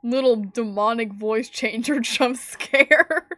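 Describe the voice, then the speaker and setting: A woman's voice: fairly high pitch, slow pace, fairly bright tone, dry recording, studio quality. A woman hosting a stream in casual chat, rambling and giggling often. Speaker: streamer host.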